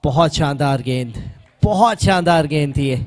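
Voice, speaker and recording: A high-voiced male cricket commentator delivers excited live play-by-play. His pitch sits well above most men's, and he follows the game ball by ball. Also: moderate pace.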